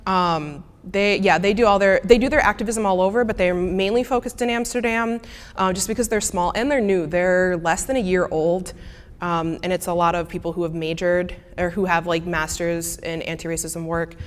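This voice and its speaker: This young Midwestern student, a woman presenting in a lecture hall, answers audience questions in a relaxed, halting way, with many fillers and restarts. Her lowish voice holds a steady tone at a moderate pace, and the hall makes the recording reverberant.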